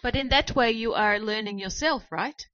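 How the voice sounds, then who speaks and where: A woman's voice: on the high side, normal speed, a bit bright, dry recording. A woman facilitating a group discussion, speaking for the group in an encouraging way, on a muffled dry recording.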